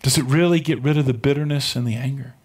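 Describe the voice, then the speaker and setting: A man's voice: mid-range voice, fast, breathy edge. A middle-aged male pastor preaching a sermon, telling the story and asking the congregation rhetorical questions.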